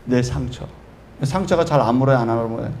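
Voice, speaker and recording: A man's voice: mid-range voice, fairly quick, gravelly, a little mellow, slight background noise. A middle-aged man preaching a sermon in a church, emphatic and full of rhetorical questions. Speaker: pastor. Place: church sanctuary.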